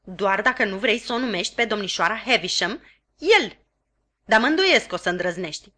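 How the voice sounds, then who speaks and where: A woman voicing a sharp-tongued, scolding village housewife who snaps and shouts her lines. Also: mid-range voice, expressive.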